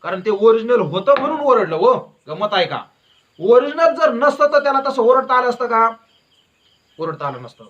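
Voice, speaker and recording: A man's voice: extremely high pitch, very animated, moderate pace, a bit bright, highs cut off. A man giving a devotional sermon, emphatic and repetitive, with folksy storytelling. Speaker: devotional preacher.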